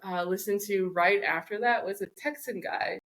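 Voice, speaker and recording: A woman's voice: mid-range voice, normal speed, fairly bright tone. A woman co-hosting a podcast in casual chat, telling stories in a joking, rambling way. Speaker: podcast co-host.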